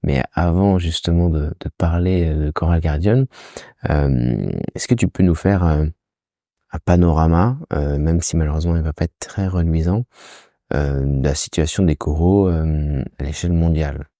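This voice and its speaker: Guy hosting a podcast, deep mellow voice, lots of euhs. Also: no echo, studio quality. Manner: halting, frequent fillers. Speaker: podcast host. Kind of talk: casual interview.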